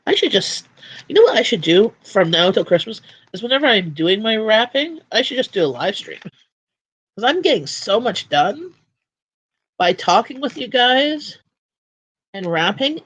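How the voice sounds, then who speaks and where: A Canadian woman hosts a casual livestream chat from home, her voice a little high, husky and very animated. She speaks unhurriedly with long pauses, rambling and often restarting sentences, and the recording is rough.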